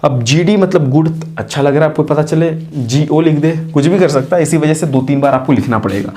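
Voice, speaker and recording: A man teaching a casual whiteboard lesson who talks straight to his students, repeats himself to coax them along and chants memory tricks slowly, syllable by syllable. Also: on the high side, dark tone, faint music behind. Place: classroom with a writing board.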